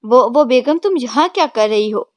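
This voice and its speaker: A woman voicing a blustering older father, startled and gruff but quickly cowed by his wife. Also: very high voice, no echo. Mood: flustered. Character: blustering rich older father, easily flustered.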